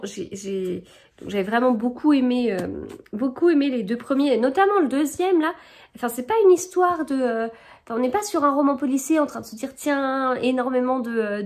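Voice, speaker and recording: A woman with a slightly high voice vlogs casually about a book, reading passages aloud. She hesitates often, with fillers and restarts.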